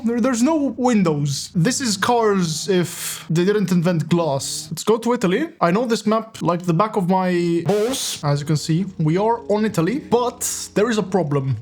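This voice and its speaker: A young man streams a driving game and comments on it casually, joking around, swearing often, and laughing at his own crashes. His voice sits high.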